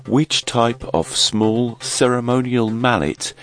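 A man with a croaky, froggy voice from a bug, hosting a quiz podcast in a scripted narration style. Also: mid-range voice, slow, a bit bright, faint music behind.

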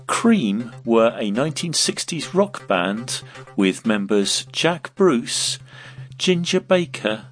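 A man reads quiz questions at a slow, deliberate pace, his pitch rising and falling in a lively way. Soft music plays under his voice throughout. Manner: measured, clear delivery. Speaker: quiz host.

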